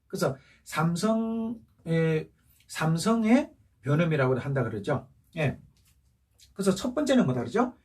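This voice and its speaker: A man's voice: a little high, big pitch swings, a little slow, darkish tone, slightly rough, recorded from a distance. A male teacher giving a patient recorded lesson, going over each point again and checking in with rising questions. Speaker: Chinese language teacher. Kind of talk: recorded classroom lesson for seniors.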